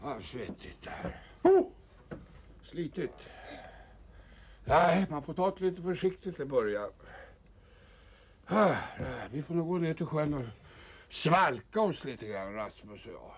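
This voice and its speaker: An actor playing a carefree, easygoing wandering tramp in a film drama, sighing and breaking into folk song. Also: male voice, on the high side, big pitch swings, pauses often, slightly rough, exaggerated voice. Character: carefree wandering male tramp, warm and jovial. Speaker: wandering tramp who also sings. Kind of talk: 1980s film drama with songs. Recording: film soundtrack with loud music.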